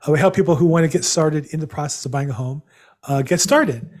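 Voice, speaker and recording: A man's voice: a little high, fast talker, darkish tone. A man hosting a live real estate seminar over a video call, chatty and rambling with many fillers. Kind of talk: live webinar presentation.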